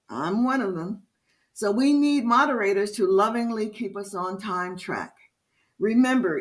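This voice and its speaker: A woman giving a prepared lecture-style talk to a discussion group, speaking slowly and with emphasis. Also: on the high side. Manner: slow, deliberate and emphatic. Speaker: speaker leading a discussion series.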